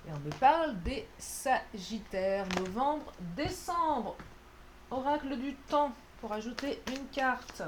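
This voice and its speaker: A woman's voice: high voice, lively intonation, slow pace, noisy background. A woman doing a casual, playful card reading, chatty and self-mocking with lots of fillers. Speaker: tarot card reader.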